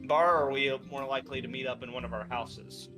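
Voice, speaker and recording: A man's voice: medium pitch, steady tone, fast, over music. A man playing in an online tabletop game, asking questions hesitantly with many fillers. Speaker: player. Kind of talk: casual chat at a game table.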